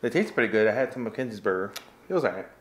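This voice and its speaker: A man vlogging casually, joking and chatting to viewers about cooking outside and warming up by the fire. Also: fairly low pitch, animated, racing, slight background noise. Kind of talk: casual vlog chat. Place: cabin deck and indoors by a fire, in the cold.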